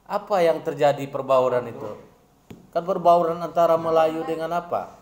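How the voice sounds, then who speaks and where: A man questions a student about her research, his voice sitting a little high. He talks in long, searching questions that trail off and restart. The room around him rings with echo. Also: steady tone, normal speed, darkish tone. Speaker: academic supervisor questioning a student. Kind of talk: probing academic discussion.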